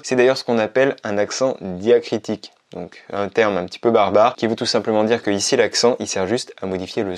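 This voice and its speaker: A man teaching Spanish to French speakers, explaining patiently and repeating each example slowly. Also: on the low side. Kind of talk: scripted lesson to camera.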